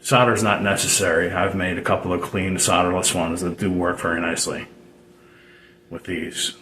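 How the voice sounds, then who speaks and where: A deep-voiced DIY radio hobbyist presents a casual, unscripted how-to, rambling haltingly with repeated phrases in a flat delivery. The room sounds echoey, with noticeable background noise.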